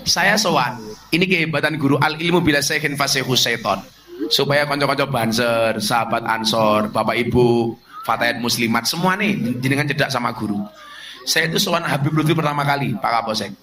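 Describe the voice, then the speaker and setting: A man's voice: medium pitch, fairly quick. A middle-aged man with a Javanese accent preaching a sermon to a crowd, mixing humour and jokes with his lessons. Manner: humorous, animated preaching with jokes and Javanese asides.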